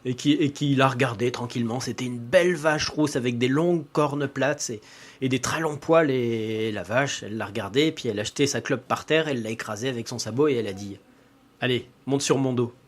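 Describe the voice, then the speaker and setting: A man's voice: medium pitch, fairly quick. A man telling a folk tale casually, with fillers and repetitions. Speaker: storyteller.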